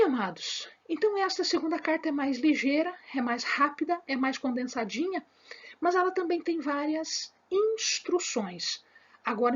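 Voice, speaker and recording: A woman's voice: sits high, husky, lo-fi sound. A woman giving a spoken Bible lesson to her viewers, emphatic and repetitive, with many fillers and restarts. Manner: speaks with her hands. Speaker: Bible study teacher.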